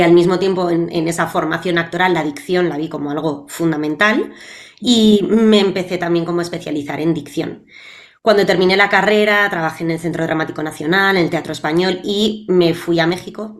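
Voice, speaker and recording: A woman from Spain in her thirties, a guest actress and speech therapist, telling her story with lively pace. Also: on the low side. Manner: lively and quick storytelling, with some restarts. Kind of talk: personal storytelling in an interview.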